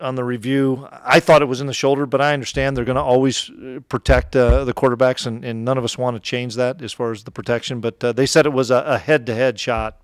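A middle-aged man with an Upper Midwest American accent, a head football coach answering press questions after a game in a relaxed, plainspoken way, with many fillers and restarts. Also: medium pitch, quick pace, hardly any pauses, clear, resonant tone, dry recording, studio quality. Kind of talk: postgame press conference answers. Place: press room in front of a sponsor backdrop. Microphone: table mic close in front.

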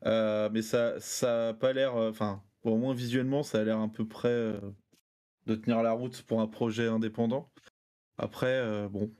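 A man's voice: fairly low pitch, flat delivery, normal speed, a little mellow, clear, resonant tone. A man on a podcast panel talking casually about games, often searching for words as he goes. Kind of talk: casual gaming chat.

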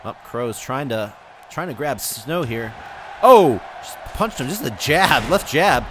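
A man giving excited play-by-play commentary on a wrestling video game, often shouting and exclaiming and calling his viewers folks. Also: mid-range voice, slow, slight background noise.

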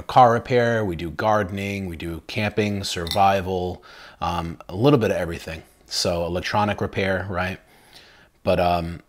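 A young adult man hosting a casual cooking vlog from his home kitchen, chatty and enthusiastic with lots of fillers. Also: sits low. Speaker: cooking channel host.

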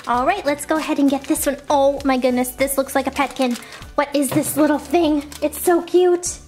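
A woman's voice: high-pitched, fairly even intonation, normal speed, a little mellow, faint music behind. A woman hosting a toy unboxing, gushing and cooing as she opens each little figure. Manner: gushing, cooing over tiny toys. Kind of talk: excited toy unboxing chat.

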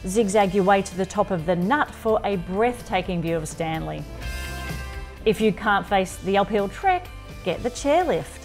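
Aussie woman narrating a road trip, encouraging and easy, mid pitch. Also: animated, moderate pace, music in the background. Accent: Australian. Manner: upbeat, encouraging. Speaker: presenter. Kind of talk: travel narration and car chat. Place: inside a moving car.

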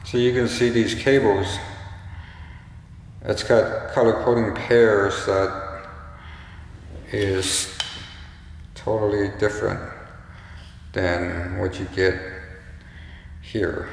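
A man talks slowly through a casual hands-on tutorial, his voice bouncing around a very echoey, hollow room. He is tentative and halting, feeling his way as he goes. His voice is fairly low with a gravelly creak. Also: little pitch movement. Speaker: do-it-yourself demonstrator. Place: bare, echoey indoor room. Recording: strong echo, hollow reverberant room, faint noise.

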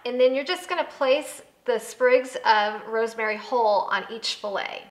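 This cooking show host speaks at a moderate pace in a voice on the high side, explaining a recipe one step at a time in a conversational style. She's an American woman in her thirties, indoors in a home kitchen, with background music and some background noise.

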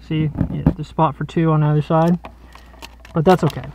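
Here the electrician host speaks at a moderate pace with a fairly high, level voice, and there's noise in the background. Crouched in a tight basement crawl space, he walks the camera through the wiring in a relaxed, joking manner.

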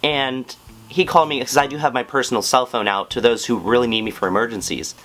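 A man's voice: medium pitch, quick pace, fairly bright tone, soft background music, close to an everyday voice. A man playing a flustered female store leader on a prank call, hesitant and rambling as he makes excuses. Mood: earnest, explaining.

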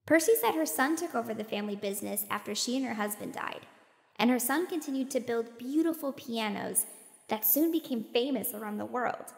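A woman voicing a bright young girl explorer in a children's audio drama, explaining history facts in a clear storytelling way. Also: fairly high pitch, animated, a little fast, exaggerated voice.

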